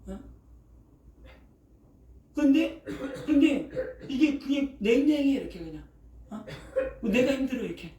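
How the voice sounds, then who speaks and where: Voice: sits high, expressive, a little slow, long pauses, dark tone, lo-fi sound. A preacher in their sixties giving a casual, colloquial sermon, constantly checking in with the congregation with a questioning "eh?" and using vivid sound words. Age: 60s. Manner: keeps checking in with the congregation, asking "eh?" after each phrase. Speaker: pastor. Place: church sanctuary. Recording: roomy echo, voice picked up from a distance.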